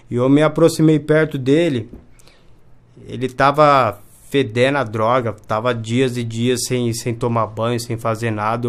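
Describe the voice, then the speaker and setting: A man's voice: mid-range voice, clear, resonant tone. Earnest man, mid-range voice, testimonial interview delivery. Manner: earnest, often asks "entende?".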